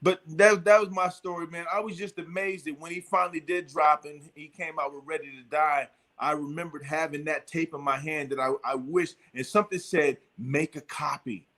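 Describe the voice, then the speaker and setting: A middle-aged man with a somewhat high voice chats casually as a host. He tells his story in a rambling way, full of fillers and restarts. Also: fairly even intonation, a little fast, few pauses, a bit bright. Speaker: podcast host. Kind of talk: casual chat.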